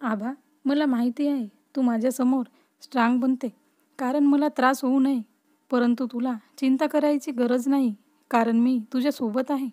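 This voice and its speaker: Lady narrator doing a caring middle-aged dad, reassuring, soft high voice. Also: steady tone, normal speed, natural voice. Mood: tender.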